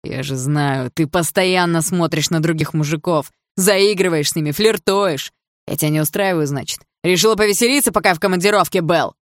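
A woman reading an audiobook, voicing a jealous, furious middle-aged stepfather who shouts and snarls accusations. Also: low voice, a little slow, gravelly, hardly any pauses, breathy edge, no echo, studio quality, full character voice.

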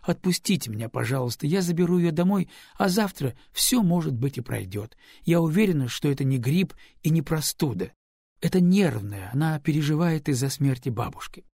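A husky-voiced man voicing a worried young mother who pleads gently with her daughter, read for an audiobook. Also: a little high, animated, moderate pace, no echo, studio quality, full character voice. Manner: pleading, tender.

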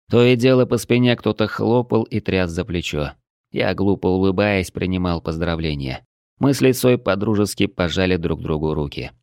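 A man narrating a first-person fantasy audiobook in a steady, measured way. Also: low-pitched, smooth, dry recording, studio quality.

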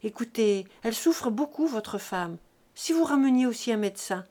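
A woman's voice: a little high, animated, moderate pace, a little mellow, lightly acted. Woman as an insistent village neighbour. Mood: urgent.

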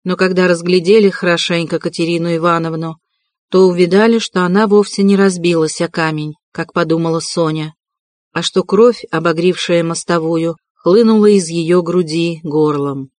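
A narrator giving a measured, dramatic audiobook reading. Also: mid-range voice, steady tone, a little mellow, no room sound.

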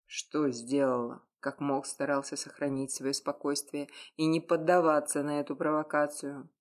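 An audiobook narrator reading a dark first-person story, dramatic with hushed asides. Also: medium pitch, level tone, normal speed.

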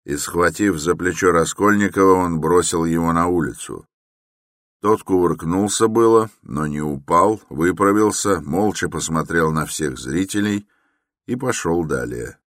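A man narrating a classic novel as an audiobook in a measured, even reading. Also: low voice, dry recording, clean studio sound. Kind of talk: scripted literary narration.

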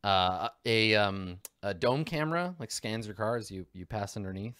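A man's voice: fairly low pitch, expressive, normal speed, a bit bright, clear, resonant tone, no echo. A man narrating as game master of a tabletop role-playing game, rambling with many fillers and restarts.

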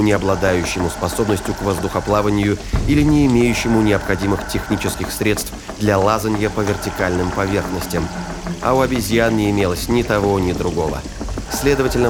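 A man with a lowish voice narrates a science fiction audio drama in a scripted, storytelling style. Ambience and sound effects play in the background, along with some noise.

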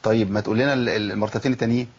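In dull audio, a man with a lowish, slightly rough voice and an Egyptian Arabic accent leads a tajweed lesson. He is a Quran recitation teacher who speaks quickly and with energy, answering questions he poses himself and modeling the letter sounds.

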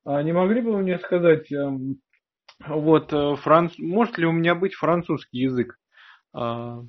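A prospective student on a dull, lo-fi phone call speaks politely and a little hesitantly to an official about his application. His voice is fairly high-pitched and his pace measured.

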